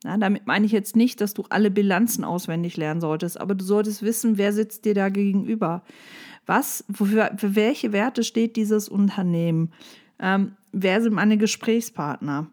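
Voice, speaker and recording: Woman, application coach, mellow voice, direct and lively delivery. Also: mid-range voice, normal speed. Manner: direct, lively, addresses listener as du. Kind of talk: coaching monologue with tips.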